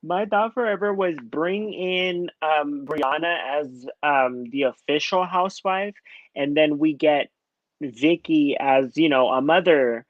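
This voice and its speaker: A man's voice: fairly high pitch, takes it slowly, no echo, dull audio. A man co-hosting a casual reality-TV review, rambling with many restarts and fillers. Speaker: podcast co-host.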